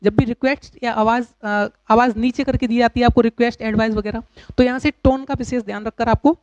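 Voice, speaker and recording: A man teaching English grammar in a lecture, explaining patiently with pauses and repeated examples. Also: extremely high pitch, steady tone, a little mellow, smooth, no room sound. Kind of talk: classroom lecture. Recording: dull, dry lo-fi recording.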